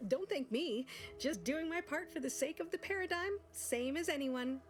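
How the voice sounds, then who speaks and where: A dry, wry scientist. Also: female voice, sits high, expressive, normal speed, soft background music. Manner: dry, sardonic, precise. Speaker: game character.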